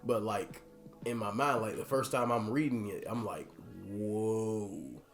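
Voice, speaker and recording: A man co-hosting a casual discussion show, talking in an animated way with many "like"s. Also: fairly low pitch, moderate pace, faint music behind. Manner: animated, laughing, says "like" often. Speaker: podcast co-host. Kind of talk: casual chat.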